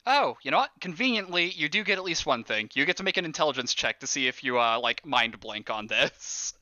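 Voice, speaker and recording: A man running a tabletop horror game as game master, animated, laughing and swearing casually. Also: a little high, fairly quick, no echo, highs cut off.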